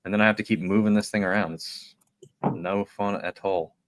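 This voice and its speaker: Low-voiced man chatting on a podcast. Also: moderate pace, slight background noise. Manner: chatty, relaxed, explains at length. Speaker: podcast co-host. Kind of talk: casual watch-party chat.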